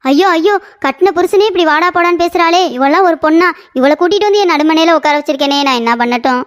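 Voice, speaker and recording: A woman's voice: very high voice, fast talker. A woman voicing a scheming older mother-in-law in a cartoon, nagging and fake-weepy. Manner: scolding, then fake-weepy.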